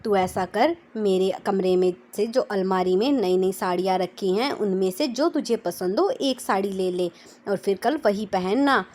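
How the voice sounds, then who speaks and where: A woman voicing a middle-aged mother-in-law who speaks in a measured, firm, kindly instructing way. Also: medium pitch, a little mellow, lightly acted.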